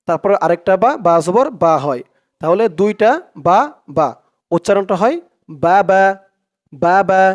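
Bangladeshi guy teaching quran letters, kinda high voice, says every syllable over and over real patient. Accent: Bangladeshi Bengali. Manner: patient, repeats each syllable many times. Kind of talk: slow step-by-step lesson.

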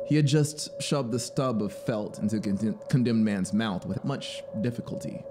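In a small home music studio, a thirtysomething man reads literary fiction as a dramatic, audiobook-style narrator at a moderate pace and fairly low pitch. Though he sits close to a boom-arm studio mic, the background is noisy.

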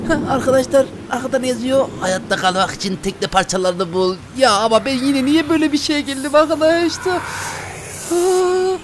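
A man hosting a gaming video, talking fast and high with plenty of excited exclamations. He speaks straight to his viewers as he plays, with a faint hiss of noise behind him. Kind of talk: excited let's-play commentary.

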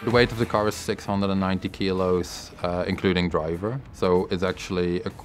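A man's voice: low voice, little pitch movement, fairly quick. A man explaining technical details in a documentary interview, matter-of-fact, often repeating words. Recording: music bed under voice. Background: music bed.

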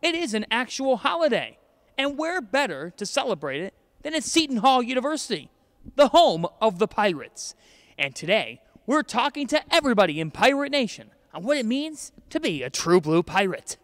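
Young man, campus reporter, high and animated, very dry recording. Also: normal speed, no echo. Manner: enthusiastic, jokey, animated.

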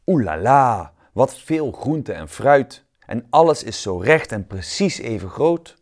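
A man's voice: medium pitch, big pitch swings, normal speed, voice pushed up. A man voicing a flamboyant, theatrical apple who paints, in a read-aloud children's storybook. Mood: admiring.

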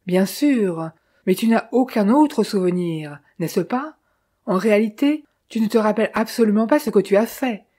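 A stern man laying out his case point by point in an audiobook, read by a woman. He keeps questioning and insisting. His tone is mellow and dark. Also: medium pitch, animated, normal speed, slightly rough. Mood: insistent. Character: stern man pressing his brother to confess.

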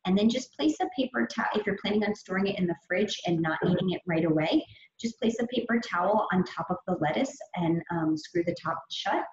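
Her voice sits at medium pitch and runs a little fast as the young adult fitness trainer delivers an upbeat, chatty, filler-heavy meal prep presentation with slides on a video call. The sound, from a gym or studio room, is echoey, dull and lo-fi, with faint hiss.

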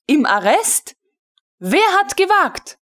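A woman reading a jealous, imperious young female colonel in an audiobook, scolding sharply in a high voice. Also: sing-song, slow pace, heavily acted.

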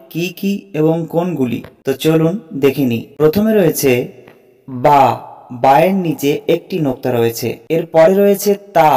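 A man's voice: a little high, dark tone. A man teaching Arabic letter pronunciation as a Quran reading teacher, explaining step by step and repeating each letter name for learners. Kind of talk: slow, deliberate instructional lesson.

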